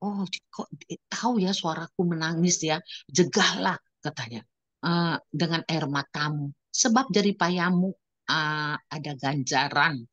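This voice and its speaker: A woman's voice: measured pace, a bit bright, no echo. Middle-aged woman telling her faith story, lots of ums, voice jumps up when emotional, dull dry sound. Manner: emotional, many fillers, pitch jumps high when recounting prayers. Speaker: church community member sharing testimony. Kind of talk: personal testimony in casual Indonesian.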